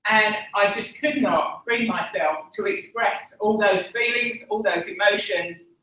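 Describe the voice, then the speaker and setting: Heard from a distance in an echoey hall, this conference speaker from Essex, England, talks unhurriedly in a medium-pitched, fairly bright voice with an Essex accent. Standing at a podium in a large conference room, she shares a candid personal testimony, earnest and self-deprecating, with many ums.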